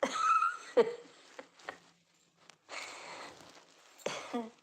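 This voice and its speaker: A woman hosting a live stream, chatting casually with her viewers in a chatty, drawn-out, unhurried way. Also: very high voice, wildly swooping pitch, gravelly, sharp tone, slight background noise.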